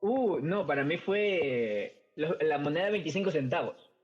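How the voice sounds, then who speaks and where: With lively intonation and a fairly high, slightly rough voice, a middle-aged man from Ecuador tells casual stories at a moderate pace as a podcast guest. His Ecuadorian Spanish accent comes through, and he hesitates often with fillers and repeated words. Faint music sits under muffled lo-fi audio.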